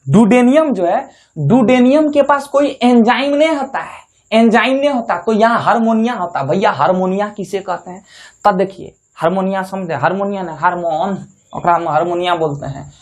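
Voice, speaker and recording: A man's voice: high voice, moderate pace. A man teaching a biology class, who asks the students questions and answers them himself, with folksy, jokey asides.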